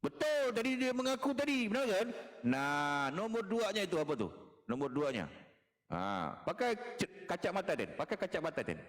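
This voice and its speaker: A man's voice: sits high, sing-song, normal speed. A man delivering a mocking, taunting monologue in a lecturing tone, repeating phrases and chuckling as he jeers. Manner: mocking, jeering, with frequent chuckles. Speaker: online religious commentator.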